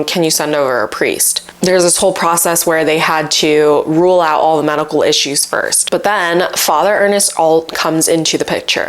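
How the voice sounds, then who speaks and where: A young adult woman telling a true story to camera in a casual, conversational way, as a video host seated in a bedroom. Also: low voice. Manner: conversational, informal. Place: small indoor bedroom.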